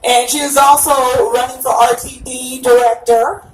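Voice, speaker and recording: A woman's voice: high voice, fairly even intonation, normal speed. A woman emcee introduces speakers at a rally and rouses the crowd. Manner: encouraging, rousing the crowd. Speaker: event emcee. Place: outdoor rally stage. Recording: echoey, distant recording with faint music.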